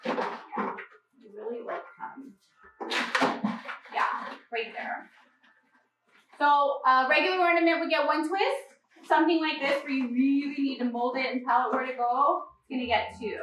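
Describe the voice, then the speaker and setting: A woman's voice: sits high, a little slow, pauses often, heavy reverb, distant mic, muffled recording, background noise. A woman hosting a live decorating tutorial, chatty and bubbly, laughing often as she works. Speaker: holiday decorator and host. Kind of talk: live-stream tutorial chat. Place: decorating studio.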